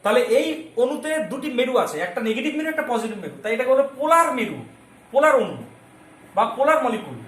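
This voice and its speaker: Lively high-voiced male teacher, echoey room. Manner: keeps asking the class questions and checking they follow; repeats key terms slowly for memorizing. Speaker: chemistry teacher. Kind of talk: lesson to students. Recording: echoey room with faint ambience.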